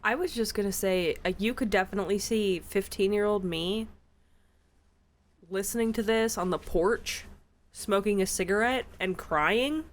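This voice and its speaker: A woman co-hosting a podcast, chatting about music in a relaxed, easygoing way. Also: mid-range voice, moderate pace. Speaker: podcast co-host. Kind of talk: casual chat about music.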